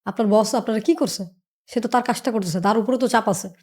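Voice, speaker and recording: A business mentor on a podcast, this woman gives motivational business advice in a fairly high, darkish voice at a fast clip. She lectures emphatically, repeating her points and firing off rhetorical questions.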